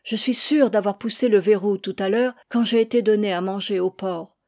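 Uneasy eldest sister, teenage, plain mellow read by a woman. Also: medium pitch, normal speed, dry recording, clean studio sound, close to an everyday voice. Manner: alert, uneasy. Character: uneasy teenage farm girl.

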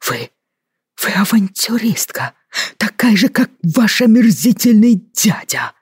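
A reader voicing an enraged male governor who speaks through clenched teeth, slow and raised. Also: medium pitch, animated, darkish tone, husky, no echo, studio quality. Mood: outraged shouting. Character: enraged male colonial governor, stern guardian.

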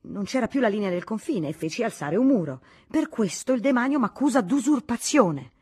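A woman's voice: a little high, animated, brisk, darkish tone, husky, pitched above the performer's own voice. A woman reading aloud voices a blustering, scornful old monk who scolds his family. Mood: blunt.

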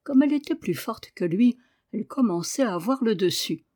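A woman reading a novel aloud in a measured, even storytelling manner. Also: on the high side. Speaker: audiobook reader. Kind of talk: scripted narration.

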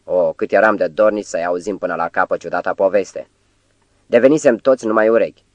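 A man reading a novel aloud in a measured storytelling way. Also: low-pitched, no echo. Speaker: audiobook reader. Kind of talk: literary audiobook narration.

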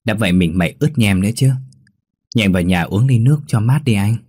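A man's voice: on the low side, expressive, fast talker, a little mellow, husky, no room sound, clean studio sound. Fussing young village woman, read by a man. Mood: concerned.

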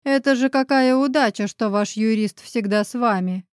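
A woman's voice: a little high, normal speed, smooth, dry recording, studio quality, lightly acted. A woman voicing a brash, sarcastic male lawyer friend in an audiobook. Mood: mocking. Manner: mocking, ironic.

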